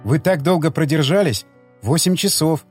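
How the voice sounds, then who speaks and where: A man's voice: a little high, moderate pace, husky, faint music behind. Man reading as a tearful, clinging woman. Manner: soft, tearful pleading. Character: tearful woman reunited with her lover.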